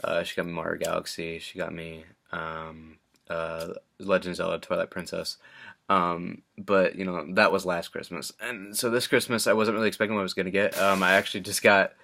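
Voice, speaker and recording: An eighteen-year-old man talking casually in a monthly vlog, rambling and halting with lots of fillers and restarts. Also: low-pitched, level tone, gravelly, bright, forceful tone. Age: teens. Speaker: vlogger and hip-hop artist.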